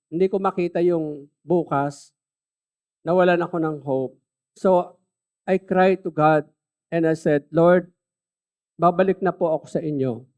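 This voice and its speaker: A male pastor delivers a heartfelt sermon. His voice sits a little high for a man. He moves easily between Tagalog and English and leans hard into key phrases, slow and loud. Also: fairly even intonation, highs cut off. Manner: earnest, mixes Tagalog and English, stresses key phrases slowly and loudly. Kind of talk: sermon with personal testimony.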